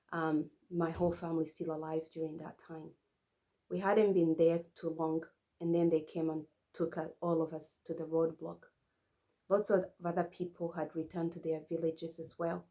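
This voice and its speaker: A woman in her forties from Rwanda, giving personal testimony at a commemoration in a steady, measured way, in short phrases. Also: fairly low pitch. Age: 40s.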